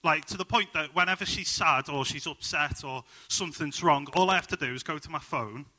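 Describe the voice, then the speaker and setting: A man's voice: on the high side, fairly quick, sharp tone. A young man with a Liverpool accent preaching a sermon full of personal stories, upbeat and jokey, with plenty of ums.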